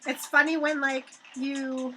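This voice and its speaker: Painting in her home studio, a young livestream host, a native Hebrew speaker, chats casually with viewers and reads out their comments, laughing a lot and swearing freely. She has a high voice with a level, sharp tone and a measured pace, and faint music plays behind her.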